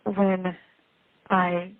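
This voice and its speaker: A woman speaking from prison over a phone call, in a halting, careful way. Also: fairly low pitch, completely flat delivery, slight background noise. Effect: heard over a prison phone call. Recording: tinny prison phone line.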